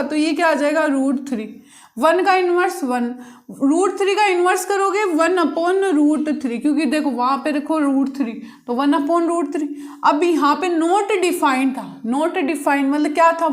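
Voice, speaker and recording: A woman with a high, light voice teaches a maths lesson. She works through each step patiently and repeats key points. She keeps asking the class questions and then answers them herself. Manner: patient, repetitive step-by-step explaining. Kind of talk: blackboard-style maths lesson.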